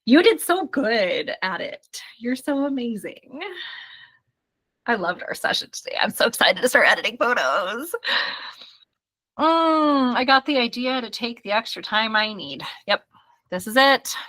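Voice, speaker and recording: A bright-voiced woman wraps up a live online workshop she is hosting. She talks effusively and reassuringly, addressing the viewers directly. The sound has the feel of a video call mic. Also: fairly high pitch, big pitch swings, measured pace. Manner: effusive, affirming, talks straight to the audience. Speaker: workshop host and studio founder.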